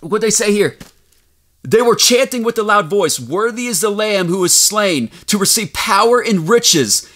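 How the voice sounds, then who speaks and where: Fervent high-voiced male preacher. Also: expressive, moderate pace. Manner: fervent, rising to shouts, rebuking. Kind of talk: sermon with scripture reading.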